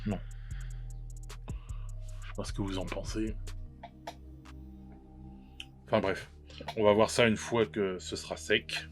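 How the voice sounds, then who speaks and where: A man's voice: on the low side, steady tone, takes it slowly, long pauses, a bit bright, soft background music. A man casually reviewing paint colors, chatty and hesitant, with many fillers and restarts and self-mocking laughs at his own mistakes. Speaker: miniature painting youtuber.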